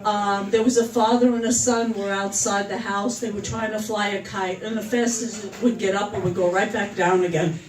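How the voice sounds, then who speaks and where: A woman's voice: mid-range voice, fairly even intonation, normal speed, hardly any pauses. Woman in her seventies telling jokes. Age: 70s. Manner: chuckles at her own punchlines. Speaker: birthday party joke teller. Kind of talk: casual stand-up joke telling. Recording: echoey room, far from the mic.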